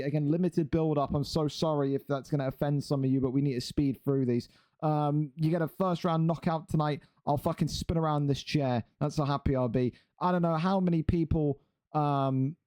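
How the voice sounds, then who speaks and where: A man hosts a live stream, venting his frustration in a sweary, exasperated rant before calling the fights. His voice sits a little high for a man, yet it has a mellow, warm tone. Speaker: stream host and fight commentator. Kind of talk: casual live-stream commentary.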